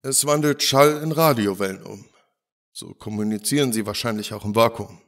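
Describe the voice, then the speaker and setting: A man's voice: on the low side, normal speed, close to an everyday voice. A man voicing a brilliant, irritable male doctor who explains things precisely in a lecturing way, in a spoken horror story.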